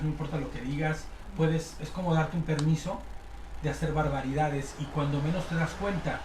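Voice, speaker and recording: A man comments during a Bible study, talking reflectively and stumbling over fillers. He sits away from the mic in an echoey room with clear noise underneath, and his pitch sits somewhat high for a man. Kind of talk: conversational commentary. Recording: echoey, distant, noisy room.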